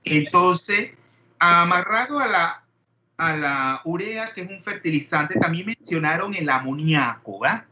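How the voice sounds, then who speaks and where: A man's voice: high-pitched, lively intonation, measured pace, pushed and bright, dull audio, a little hiss or hum. A man teaching a chemistry class, peppering students with questions and wandering into digressions. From Panama. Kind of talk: classroom lecture.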